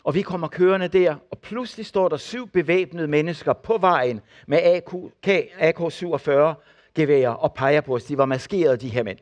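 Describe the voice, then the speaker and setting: An older man preaching, telling testimony stories and acting out the people in them. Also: fairly high pitch. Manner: animated storyteller acting out the people in his stories. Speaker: preacher and former missionary. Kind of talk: sermon testimony.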